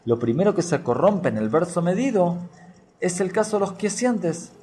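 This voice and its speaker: A man's voice: sits high, sing-song, moderate pace, darkish tone. A man teaching a lesson on a religious text. He reads passages aloud, then explains them and puts questions to his students.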